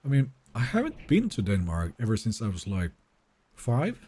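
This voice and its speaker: Streaming a game live from home, a young man whose native language is Finnish reads chat messages aloud and talks casually with his audience. His fairly low voice swings hugely in pitch, sounding mellow and slightly rough at a moderate pace.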